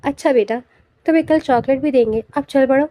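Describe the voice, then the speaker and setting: A woman's voice: high-pitched, mellow, dry recording, clean studio sound, lightly acted. A woman voicing a teasing, affectionate young wife in an audiobook novel. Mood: playful.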